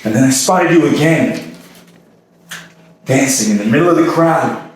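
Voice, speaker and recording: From far off in an echoey room with faint noise, a stage actor gives a dramatic monologue as an anguished man haunted by obsessive love. His fairly high, lively voice is lightly acted, hesitant and haunted, halting with repetitions and sudden swells.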